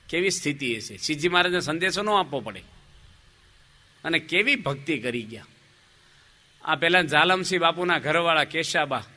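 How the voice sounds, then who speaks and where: Monk w/ doing a funny storytelling sermon, really bright sharp voice, pitched a bit high, acts out the dialogue and throws questions at the crowd. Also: male voice. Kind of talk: humorous devotional storytelling sermon.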